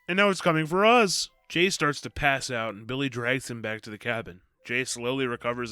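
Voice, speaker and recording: A man's voice: medium pitch, bright, forceful tone. A man narrating a book summary in a scripted, wry and jokey storytelling manner. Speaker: video host summarizing books. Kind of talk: scripted narration with sarcastic asides.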